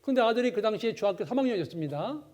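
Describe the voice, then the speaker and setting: A man giving a Bible lecture as a sermon, telling a story in a lively way and acting out its people. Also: high-pitched, racing. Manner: animated, acts out the people in his stories.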